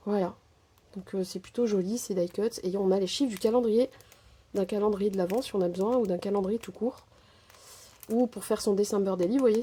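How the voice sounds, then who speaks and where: A woman with a warm, mellow voice chats through a craft haul in a relaxed, rambling way. She hesitates often and leans on small fillers. She is talking into a phone camera. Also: mid-range voice, husky. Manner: chatty, filler-heavy, keeps saying "voilà". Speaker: crafting vlogger. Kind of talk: casual haul chat.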